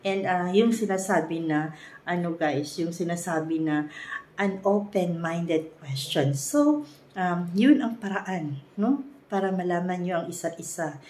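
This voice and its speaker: A woman's voice: on the low side, lively intonation, unhurried, a little mellow, reverberant. A Filipino woman giving casual relationship advice to her viewers, mixing Tagalog and English and often asking "di ba?". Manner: mixes Tagalog and English, frequent "guys, no?" and "di ba?" tags, laughs often. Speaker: vlogger.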